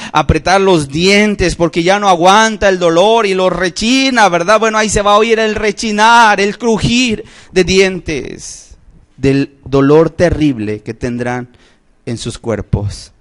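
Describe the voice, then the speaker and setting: A man preaching a sermon in church, emphatic, rising to outcries and dropping to low solemn phrases. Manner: addresses listeners as brothers, asks rhetorical questions.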